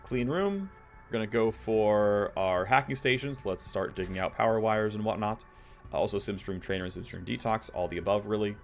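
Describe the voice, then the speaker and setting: A man's voice: on the low side, normal speed, gravelly, soft background music. A man giving offhand playthrough commentary on a video game, thinking aloud as he goes. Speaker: gaming video host.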